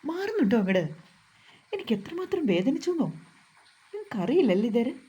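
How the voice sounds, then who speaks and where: A woman voicing a feisty, sharp-tongued young wife in a storybook reading, answering back with quick, indignant retorts. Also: high-pitched, big pitch swings, pitched above the performer's own voice. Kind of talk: storybook narration.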